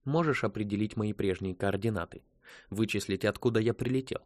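A man's voice: lowish voice, a little fast, a little mellow, dry recording, clean studio sound, lightly acted. A man playing a wounded, desperate space pilot. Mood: pressing. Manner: urgent, commanding.

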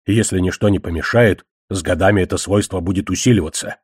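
A man reading an audiobook voices a curt, sardonic wizard in a lower, matter-of-fact tone. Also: fast, breathy edge, no room sound. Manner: low, dry, matter-of-fact. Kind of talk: audiobook character voice.

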